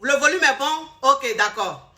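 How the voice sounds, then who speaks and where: A woman's voice: high voice, lively intonation, measured pace, sharp tone. A woman in casual live sales talk, addressing viewers directly and mimicking voices. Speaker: seller of remedies and coach.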